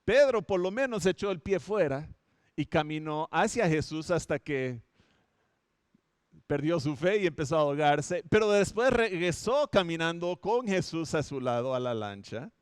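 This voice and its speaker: A man from Minnesota preaches in a relaxed, storytelling way, often correcting himself as he goes. His voice sits high and sounds clear and resonant, and it is recorded dry for an online service. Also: moderate pace, no echo. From Minnesota, United States. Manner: storytelling, self-correcting, with light humor. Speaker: pastor. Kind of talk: conversational sermon. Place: home setup for an online church service.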